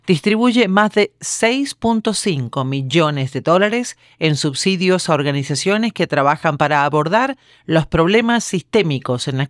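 A woman host reading a formal podcast introduction and questions in a measured voice-over. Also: deep voice, no echo, studio quality. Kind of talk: scripted Spanish voice-over of host.

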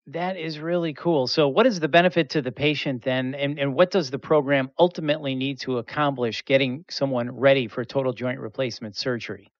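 A man's voice: medium pitch, steady tone, fairly quick, few pauses, dry recording, muffled recording. A man hosting a podcast interview, upbeat and summing up his guest's answers. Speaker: podcast host.

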